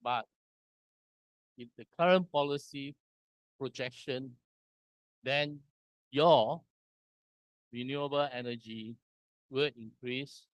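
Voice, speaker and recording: A man from Singapore giving a conference presentation, walking through slides in slow, deliberate short phrases. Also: mid-range voice, steady tone, no room sound, lo-fi sound. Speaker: conference speaker. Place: conference hall.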